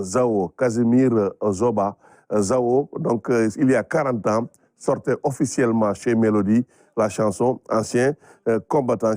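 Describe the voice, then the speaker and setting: A man's voice: medium pitch, a little mellow, dry recording. A man presenting an archive music chronicle in the studio, speaking with many hesitations.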